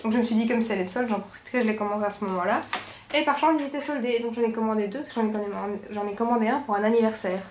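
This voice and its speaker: A woman's voice: on the high side, racing. A woman with a Belgian French accent chatting casually as a beauty vlogger showing a shopping haul, rambling informally and correcting herself as she goes. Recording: echoey room with faint background noise.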